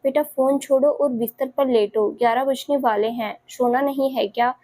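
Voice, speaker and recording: A woman's voice: high voice, steady tone, moderate pace, mellow. Soothing caring auntie, as a woman narrator puts her on. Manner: soothing, affectionate. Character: caring household aunt, grown woman.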